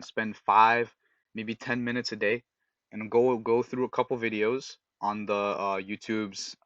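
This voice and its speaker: Low-voiced man giving eager podcast advice. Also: no room sound, muffled recording. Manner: animated, giving direct advice, acts out example voices. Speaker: podcast co-host. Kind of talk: casual podcast chat.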